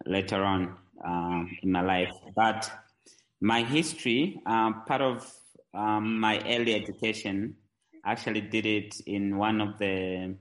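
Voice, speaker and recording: A man from Zambia, a tech entrepreneur, telling his life story as a podcast guest, relaxed and full of fillers and restarts. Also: lowish voice. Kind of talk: conversational interview.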